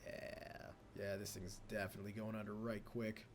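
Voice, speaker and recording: This young let's play host, a native English speaker, rambles casually while gaming, talking to the game and teasing himself along the way. He speaks at normal speed in a lowish voice with little pitch movement, against a noisy background.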